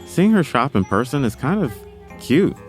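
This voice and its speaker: A man's voice: mid-range voice, sing-song, moderate pace, soft background music. A man from North Carolina hosting a narrated documentary podcast, telling it with wry, self-deprecating humor. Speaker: podcast host.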